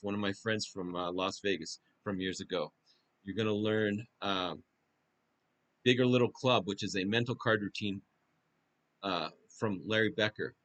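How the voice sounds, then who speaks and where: A man presenting his own course as an instructor, informally running through a long list in a halting, repetitive way. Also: lowish voice, a bit bright. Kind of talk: informal product pitch, reading through a list.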